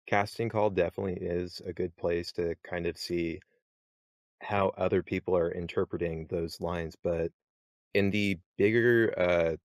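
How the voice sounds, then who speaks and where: A man's voice: low-pitched, steady tone, measured pace, no room sound, clean studio sound. A man moderating a casual podcast chat, rambling with many fillers and restarts.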